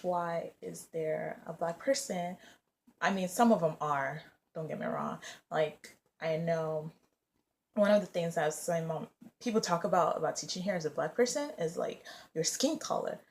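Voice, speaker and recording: A young woman in her twenties, raised in the US, chatting casually and rambling with lots of fillers. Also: on the low side. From Nigeria, raised in the US. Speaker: vlogger and English teacher. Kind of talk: casual vlog chat.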